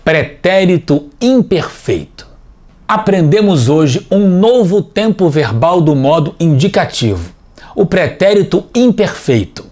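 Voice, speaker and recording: Patient teacher with a lively, slow delivery. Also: male voice, sits high. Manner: clear, patient, explaining step by step. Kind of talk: scripted TV lesson for children.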